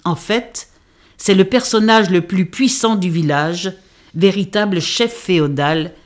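A woman who reads passages from a novel aloud and then reviews it in a measured voice. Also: fairly low pitch. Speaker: book reviewer and reader. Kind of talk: reading a book aloud and reviewing it.

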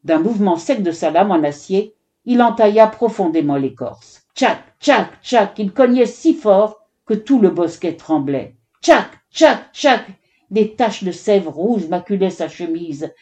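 A woman's voice: on the low side, expressive, measured pace, warm tone. A woman narrating a children's story expressively, giving each character a voice.

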